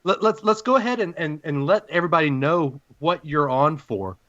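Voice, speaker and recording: A man with a deep Southern US accent hosting a casual sports podcast in a folksy, playful showman's way. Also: lively intonation, moderate pace, a bit bright, dry recording, lo-fi sound.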